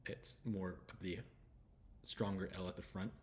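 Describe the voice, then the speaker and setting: Deep-voiced man teaching pronunciation. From United States. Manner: relaxed, repeats sounds slowly, chatty asides. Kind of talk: slide-based pronunciation lesson.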